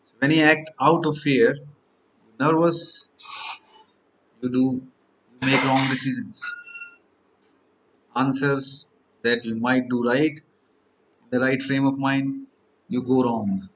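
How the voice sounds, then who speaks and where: A man's voice: mid-range voice, flat delivery, slow pace, pauses often, fairly bright tone, lo-fi sound. A man, teaching exam candidates in a motivational lecture, stacking up rhetorical questions and repeated lists.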